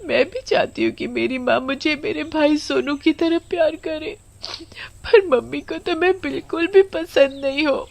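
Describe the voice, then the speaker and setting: A woman's voice: high-pitched, fairly even intonation, normal speed, pitched above the performer's own voice. A woman voicing an unhappy, timid young girl who talks tearfully and pleads. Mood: sad.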